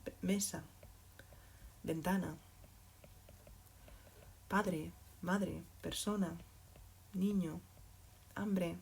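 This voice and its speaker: A woman teaching Spanish to learners, speaking slowly and patiently, often checking in with a questioning "mm?". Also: lowish voice, fairly even intonation, gravelly, a little mellow, a little hiss or hum. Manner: slow and deliberate, spells out examples. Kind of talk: explaining grammar to learners.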